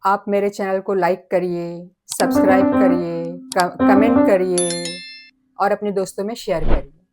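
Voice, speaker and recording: A woman giving a relaxed spoken piano lesson, patiently counting tones and semitones and singing note names as she plays. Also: on the low side. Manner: slow and patient, counting notes aloud. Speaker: piano teacher.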